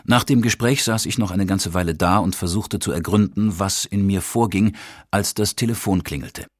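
A man narrating a first-person audiobook in a measured, steady storytelling manner. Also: low-pitched, no room sound, studio quality.

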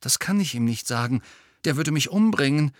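Male reader as a defensive, uneasy teen boy; lifted pitch, close dry read. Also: normal speed, no echo. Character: teenage wizard boy, guarded and uneasy.

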